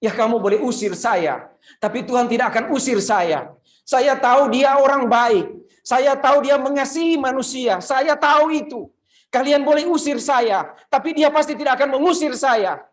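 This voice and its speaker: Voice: high-pitched, moderate pace, pitched above the performer's own voice, natural voice. A preacher acting out a desperate foreign mother who insists she will not be turned away. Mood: pleading, insistent. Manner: pleading, insistent repetition. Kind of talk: acted quote in a sermon.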